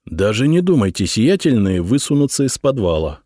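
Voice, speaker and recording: A man doing a quiet, calm spy chief. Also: medium pitch, normal speed, no echo, studio quality, voice pushed up.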